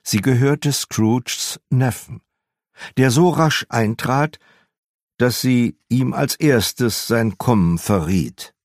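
A man narrating a classic tale as an audiobook reader, with a gravelly, husky voice and unhurried storytelling. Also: medium pitch, dry recording. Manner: unhurried storytelling with lively melody. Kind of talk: scripted narration.

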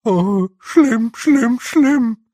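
A man voicing a tiny, fretful blue male fairy warrior who sounds anxious and apologetic, in a high and loud voice. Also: expressive, very slow, dry recording, heavily acted.

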